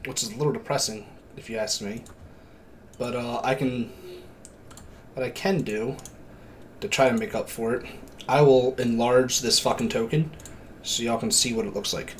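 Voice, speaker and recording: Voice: medium pitch, steady tone, moderate pace, pauses often, a little hiss or hum. A casual, informal game master who swears freely while narrating a tabletop game.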